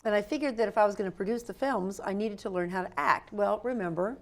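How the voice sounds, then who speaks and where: A woman guest in an interview, chatting in a playful, animated storytelling way. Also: medium pitch, fast talker. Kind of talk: lively interview chat.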